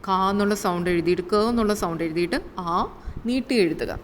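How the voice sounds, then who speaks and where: A woman's voice: on the low side, quick pace. A woman with a Malayali accent teaching a phonetics lesson, repeating and drawing out sample words and answering her own questions. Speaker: English teacher. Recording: long reverb, faint room noise.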